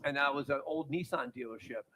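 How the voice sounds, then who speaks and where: Bright, teasing man with faint hiss. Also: mid-range voice, a little fast, low-quality recording. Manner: teasing, anecdotal. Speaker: show co-host. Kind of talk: casual live-show banter and storytelling. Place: upstairs room of a bar, live show.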